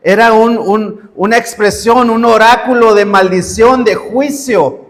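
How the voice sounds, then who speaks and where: A man's voice: sits high, steady tone, a little slow, in a large hall. A male pastor, preaching a sermon with emphatic, rising repeated cries.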